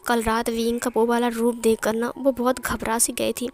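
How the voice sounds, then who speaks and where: A woman's voice: fairly high pitch, little pitch movement, moderate pace, darkish tone. A woman narrating a fan fiction story in a casual, repetitive storytelling manner. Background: faint music.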